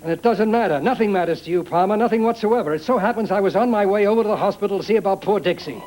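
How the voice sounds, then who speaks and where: An actor playing a clipped, indignant doctor. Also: male voice, high-pitched, racing, a little mellow, faint music behind, lightly acted, poor audio. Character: stern family doctor, exasperated. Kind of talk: 1990s soap opera acting.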